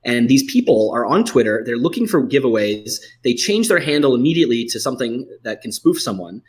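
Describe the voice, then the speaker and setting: A man of middle pitch hosting a relaxed podcast chat. He rambles and restarts, and fills his talk with "like" and "you know". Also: brisk. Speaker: podcast host. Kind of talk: casual podcast conversation.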